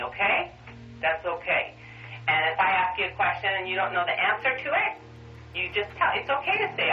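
A woman police officer gently questioning a young child, heard on an old archival interview tape, patient and repeating the child's answers back in simple words. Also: fairly high pitch. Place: interview room. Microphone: room recorder placed far from her. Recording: muffled distant roomy archival tape.

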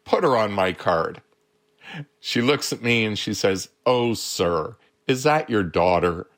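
Slow-talking older man telling stories. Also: on the low side, expressive. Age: 70s. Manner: chuckling anecdotal storyteller. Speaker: therapist and social worker guest. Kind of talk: radio interview, storytelling.

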